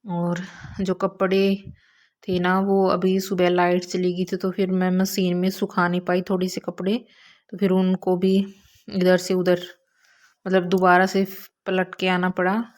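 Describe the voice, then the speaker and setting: A woman and mother telling her daily routine in a calm, casual vlog narration, with many small filler words. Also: lowish voice, measured pace. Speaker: mother vlogger.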